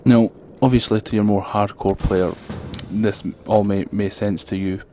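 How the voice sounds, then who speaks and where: A man's voice: fairly even intonation, normal speed, warm tone. A man with a thick Scottish accent giving casual, rambling commentary over gameplay. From Scotland. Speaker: gaming video creator, commentator. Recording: low-quality home mic with background noise.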